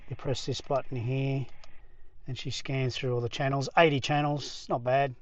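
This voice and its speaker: A man with an Australian accent hosts a vlog, chatting to the camera in an easygoing, rambling way. His medium-pitched voice holds a level tone at normal speed. There's no echo, and the lo-fi audio is slightly dull.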